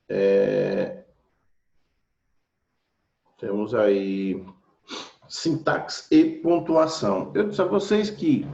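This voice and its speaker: A man's voice: medium pitch, darkish tone. A man teaching an online grammar lesson in a casual, teacherly way, constantly checking in with his students. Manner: casual teacherly, frequent "tá certo?" check-ins. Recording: echoey dull lo-fi room recording.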